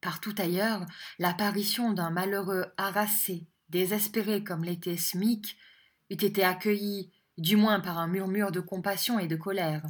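A woman narrating an audiobook with a measured, expressive reading. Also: medium pitch.

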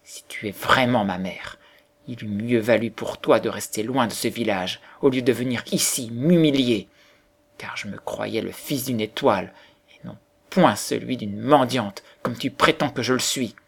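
A man's voice: mid-range voice, moderate pace, gravelly, husky. Man doing the haughty star child. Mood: harsh. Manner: harsh, contemptuous, raised voice. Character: proud cruel boy, vain and scornful.

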